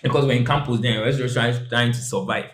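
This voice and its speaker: A young adult Nigerian man on a TV talk panel, animated and storytelling, who slips into pidgin. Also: medium pitch, fast. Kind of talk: casual panel discussion. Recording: roomy studio echo.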